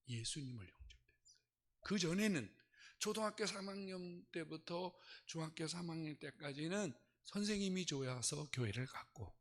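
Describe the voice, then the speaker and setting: A male pastor preaching a sermon, telling his story dramatically, dropping to hushed whispers and rising to loud outbursts. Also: on the high side.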